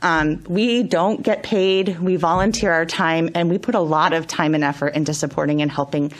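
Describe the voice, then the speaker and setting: A woman's voice: low voice, fairly even intonation. Firm woman at a board meeting. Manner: firm and deliberate. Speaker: school board member. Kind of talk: prepared statement at a public board meeting. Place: public board meeting room.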